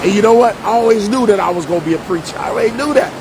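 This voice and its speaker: A middle-aged man from Jersey City, telling his life story in a casual vlog monologue, full of street slang and repetition. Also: racing. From Jersey City, New Jersey. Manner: streetwise slang, repeats himself for emphasis. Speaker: vlogger and preacher. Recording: loud rumbling noise behind voice.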